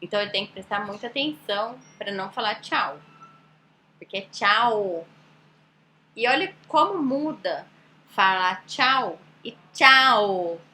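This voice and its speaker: Brazilian lady teacher, explains stuff, asks herself questions, clear bright tone. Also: mid-range voice, animated, a little hiss or hum. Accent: Brazilian Portuguese. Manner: explanatory, with rhetorical questions and slow demonstrations of words. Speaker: Italian teacher. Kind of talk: online language lesson.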